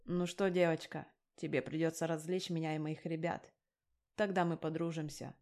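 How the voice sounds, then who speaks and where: A woman's voice: sits low, little pitch movement, moderate pace, a little mellow. A woman voicing a crude, menacing male gangster in an audiobook, talking with a mocking, threatening edge. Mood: cold threatening. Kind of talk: audiobook character reading.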